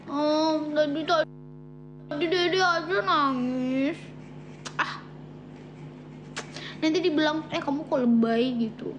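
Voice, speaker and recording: A young woman vlogger chatting casually with viewers in a soft, sentimental way, sometimes dropping to a whisper. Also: sits high, takes it slowly, long pauses, muffled recording, background noise. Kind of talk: casual chat reading viewer comments.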